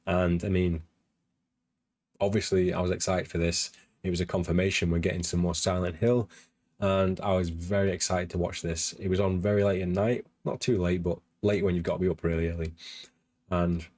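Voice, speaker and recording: A man's voice: low voice, a little mellow, dry recording. A man hosting a gaming news podcast on a livestream, chatting casually in an eager, rambling way with many fillers and restarts, his voice a little worn. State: slightly losing his voice. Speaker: podcast host.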